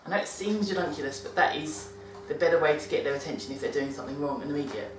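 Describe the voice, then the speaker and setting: A British vlogger talks rapid-fire in a low-pitched voice about caring for dogs, casual and rambling, with frequent mid-sentence corrections in her monthly video. The background is noisy, and the distant mic makes the recording roomy.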